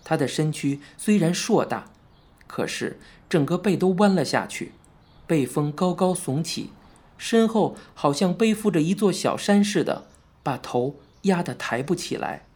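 A man reading a novel aloud as an audiobook narrator, in a measured, even storytelling manner. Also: fairly high pitch, husky. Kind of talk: scripted narration.

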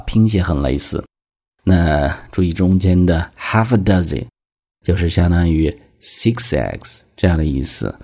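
A man teaching an English vocabulary lesson in Chinese, explaining each word step by step and reading the examples slowly. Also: low-pitched, darkish tone.

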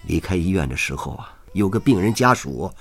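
A man's voice: low voice, sing-song, fairly quick. An actor playing a kindly older station policeman, flustered and sighing as he coaxes a crying baby in a radio drama. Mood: rueful. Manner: fussing and coaxing, sighing exclamations.

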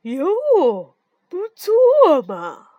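A woman's voice: a little high, expressive, moderate pace, husky, no echo, lo-fi sound. A woman voicing a big, strong, bossy male tiger in a children's story, with a drawling, offhand manner.

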